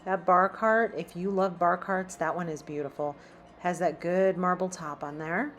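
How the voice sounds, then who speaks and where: A woman's voice: fairly low pitch, fairly even intonation, moderate pace, a bit bright, faint music behind. A woman chatting casually as she browses a store, reading out prices as she walks. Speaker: shopping vlogger. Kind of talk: casual shop-with-me narration. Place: inside a large store.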